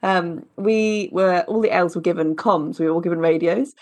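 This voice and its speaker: A woman's voice: fairly low pitch, darkish tone. Brief: woman podcast host, casual chat, laughs and swears as she riffs. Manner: laughing, swearing, quick riffing.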